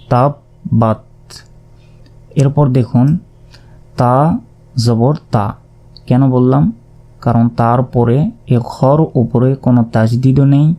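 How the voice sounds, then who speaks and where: A man teaching Quran reading, spelling out letters and vowel marks one by one and repeating syllables in a calm lesson. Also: mid-range voice. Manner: calm, repetitive syllable drilling.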